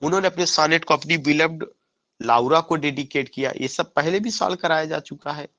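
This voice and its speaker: A man's voice: a little high, brisk, bright, forceful tone. A man teaching English literature for an exam, mixing Hindi with English terms and answering his own questions to drill key points. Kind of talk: exam-prep lecture.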